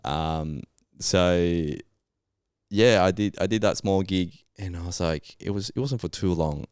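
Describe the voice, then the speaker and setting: A man's voice: low voice, a little slow, darkish tone, clear, resonant tone, no echo, studio quality. A young man from Colombia, a native Spanish speaker, telling his story casually in an interview with laid-back, slangy Australian-style phrasing. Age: young adult. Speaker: podcast guest, geologist.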